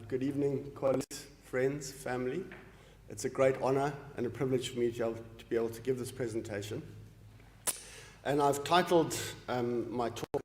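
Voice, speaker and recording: A man's voice: mid-range voice, darkish tone, slight background noise. A man in his late forties, from Zimbabwe, giving an earnest formal academic lecture, with frequent ums and restarts. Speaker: professor giving an inaugural lecture. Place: large lecture hall. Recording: echoey hall with long reverb.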